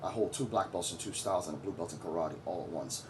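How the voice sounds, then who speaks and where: A man in his forties, from Trinidad and Tobago, talks straight into his vlog with a fairly low voice. He is blunt and boastful and lectures the viewer. He has no patience for anyone's feelings. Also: quick pace, background noise. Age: 40s. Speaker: vlogger. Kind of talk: opinionated commentary.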